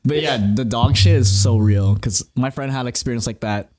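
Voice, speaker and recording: A young man on a casual podcast, cutting in with quick jokes and slangy remarks. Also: mid-range voice, darkish tone. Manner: quick joking interjections, loose slangy talk. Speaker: podcast co-host. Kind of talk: casual chat.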